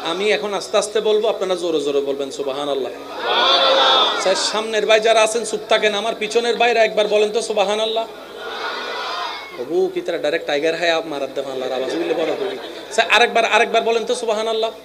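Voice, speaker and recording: A male preacher giving a rhythmic, repetitive sermon, swinging from soft speech to shouting and leading the crowd in call-and-response at a large open-air gathering. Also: high voice, quick pace, background noise. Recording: live outdoor gathering with loud crowd and loud music.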